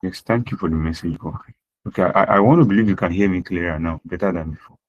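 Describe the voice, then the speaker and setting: A deep, husky-edged man teaches accounting online at a quick pace, repeating himself and asking the class rhetorical questions. The online class audio comes through dull and lo-fi.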